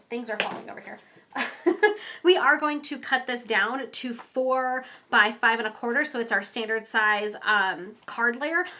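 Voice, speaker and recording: Her voice sits fairly high and comes out pushed and bright, yet noticeably congested, since this young woman has a cold. She laughs a lot while casually talking through how to make cards, wandering off with ums and small giggles.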